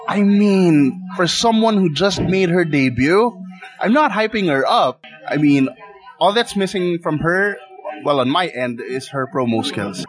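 An excitable man co-hosting a casual chat, hyping things up and laughing. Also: a little high, low-quality recording. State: talking with his mouth full. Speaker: podcast co-host. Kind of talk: casual chat about wrestling picks.

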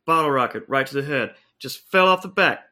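A woman voicing a laid-back male cat in a much lower, drawling voice, full of slang. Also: expressive, fairly quick, bright, forceful tone, heavily acted.

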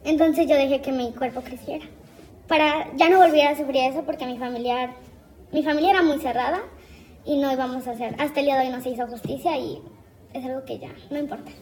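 A woman's voice: sits high, fairly even intonation, fast, darkish tone, low-quality recording. A woman giving a candid personal testimony in a subdued way.

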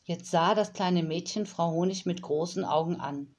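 A woman reading a children's story aloud in a calm, measured way. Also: fairly low pitch.

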